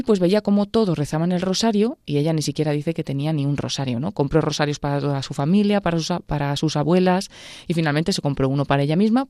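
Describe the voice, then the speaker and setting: A woman radio presenter retelling someone's testimony in a conversational, measured way. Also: low-pitched, warm tone, dry recording, studio quality.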